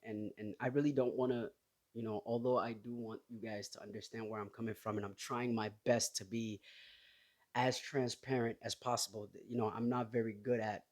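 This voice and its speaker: A man in his thirties from Somalia, hosting his own podcast and talking in a halting, personal way full of restarts. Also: fairly low pitch. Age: 30s. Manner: hesitant, halting, with many restarts and fillers. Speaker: podcast host. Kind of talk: casual solo podcast talk.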